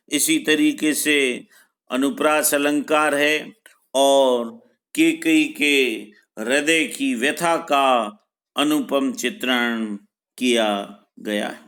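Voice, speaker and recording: Very slow-speaking male lecturer. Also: medium pitch, steady tone, a bit bright. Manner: reads a verse, then paraphrases it at length; slow, deliberate explanations with frequent repetition. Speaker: college lecturer. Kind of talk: literature lecture explaining a poem line by line.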